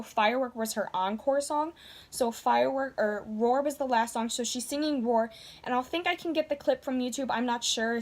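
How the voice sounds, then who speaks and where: A woman vlogger telling a story to camera in a gushing, casual way, filling her talk with "like". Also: fairly high pitch. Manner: gushing, heavy use of "like".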